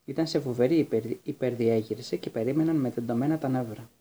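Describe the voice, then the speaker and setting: A man narrates a storybook in a steady, measured way. His voice is dark and mellow, with a husky grain. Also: mid-range voice. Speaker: audiobook reader.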